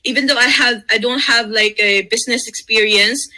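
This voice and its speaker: A very bright, somewhat high-pitched woman's voice with a Visayan Filipino accent, native in Bisaya. She tells her own story informally, in halting phrases broken up by hesitations. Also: poor audio. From Davao City, Philippines. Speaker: guest sharing a testimonial. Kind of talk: informal personal testimonial. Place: video call.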